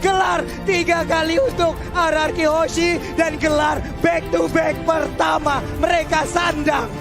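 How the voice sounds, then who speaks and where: An Indonesian-accented man co-casts an esports match in a very high, excited voice that stays in a narrow pitch band. He is exclamatory and mixes in English phrases, with music clearly playing behind him. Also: unhurried. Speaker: esports co-caster.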